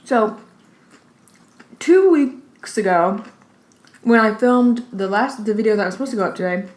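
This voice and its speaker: A woman's voice: medium pitch, lively intonation. Woman chatting casually over food, echoey room. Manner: pauses to take bites and chew; informal, peppered with "like". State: slightly out of breath. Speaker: mukbang host. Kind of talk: casual chat while eating. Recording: roomy, echoey indoor sound.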